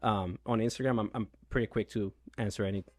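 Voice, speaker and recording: Low-voiced Venezuelan man, hesitant. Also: steady tone, quick pace, darkish tone, no echo. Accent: Venezuelan Spanish. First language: Spanish. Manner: hesitant, many ums and restarts. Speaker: realtor, guest. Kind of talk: casual interview.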